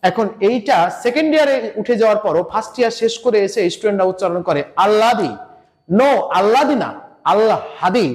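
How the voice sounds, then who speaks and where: A man with a Bangladeshi Bengali accent teaching an exam-prep lesson, explaining step by step and slowly repeating words to model their pronunciation. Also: high voice, lively intonation, a little mellow. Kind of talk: recorded lesson for exam students.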